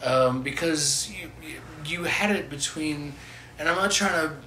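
A man's voice: on the high side, unhurried, sharp tone. A man in his thirties co-hosting a podcast, chatting casually, swearing freely and laughing often. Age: 30s. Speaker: podcast co-host. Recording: roomy echo, faint hiss.

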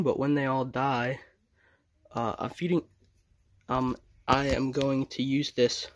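Indoors at home, a young man talks casually over a home video he's filming himself on a handheld phone. His voice is medium in pitch, and the recording is dry.

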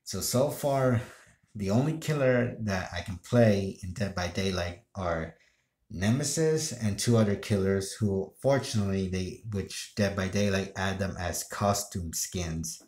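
A man's voice: low-pitched, measured pace, darkish tone. A man who streams games, talking in a casual monologue that rambles, restarts sentences and sighs. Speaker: gaming streamer. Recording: roomy echo.

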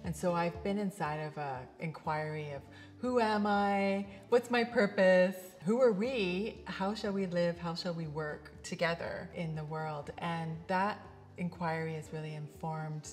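Casting: middle-aged woman with a deep, low voice, earnest facilitator intro, soft music underneath. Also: measured pace. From Canada. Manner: earnest and reflective, speaks with open hand gestures. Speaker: facilitator and coach. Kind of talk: scripted-sounding personal introduction to camera. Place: bright indoor studio set.

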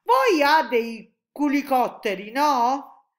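A big friendly old giant booms out his muddled words, as a woman reads him aloud. The voice jumps high and lively, cheerful and loud. A storybook figure full of good nature. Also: slow, exaggerated voice. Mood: jolly.

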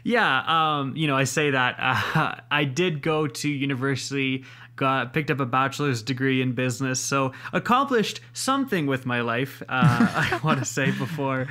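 A man's voice: medium pitch, normal speed, pushed and bright. A young man answering interview questions, joking and self-deprecating, laughing often. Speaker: guest YouTuber.

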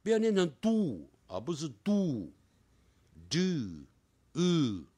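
A man teaching English pronunciation, repeating each word slowly and stretching out its sounds. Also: high voice, sing-song, mellow. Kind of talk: classroom pronunciation lesson.

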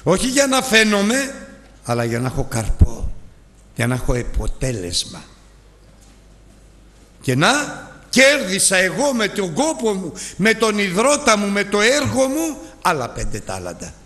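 A man preaching a sermon with great passion, swinging between loud emphatic lines and low hushed ones. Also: huge pitch swings, big-room sound.

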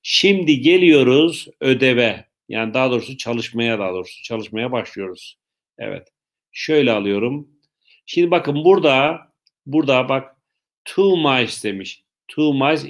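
A man's voice: medium pitch, a bit bright. A man teaching an English lesson live online to schoolchildren, greeting pupils by name and quizzing them with repeated questions. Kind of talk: live online class for children.

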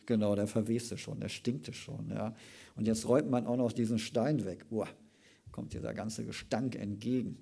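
A man delivers a sermon at a church service, retelling a Bible story with lively emphasis and chatty asides. His voice is gravelly and dark, with a mellow tone. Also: fairly low pitch, normal speed. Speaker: preacher.

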